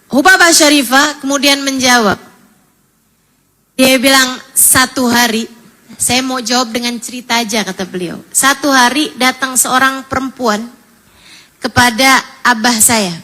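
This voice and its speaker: A woman's voice: high voice, a little slow, long pauses, sharp tone. A middle-aged woman preaching a sermon to women, telling stories with emotive, tearful pleas.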